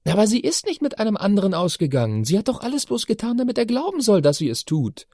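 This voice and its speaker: A man's voice: sits high, sing-song, fast talker, a little mellow, no echo, clean studio sound, voice pushed up, exaggerated voice. A man voicing a curious, argumentative teenage girl in an audiobook, pressing her questions insistently. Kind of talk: audiobook character voice.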